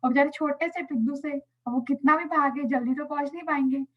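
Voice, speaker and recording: High-voiced woman telling a children's story. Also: a little fast. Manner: animated, playful, with sound effects. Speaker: Sunday school storyteller. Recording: tinny phone-like audio.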